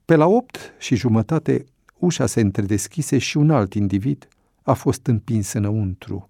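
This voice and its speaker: A male narrator reading a novel aloud with measured, unhurried delivery. His voice is low, gravelly and mellow. The recording is dry and close. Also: animated, no room sound. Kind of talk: audiobook narration.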